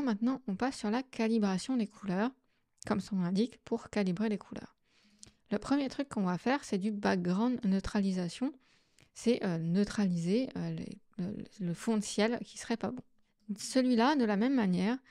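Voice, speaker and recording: Casual woman walking through software steps. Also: mid-range voice, dry recording, studio quality. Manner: casual, step-by-step explaining with fillers. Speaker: astrophotography tutorial host. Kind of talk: screen-recorded software tutorial.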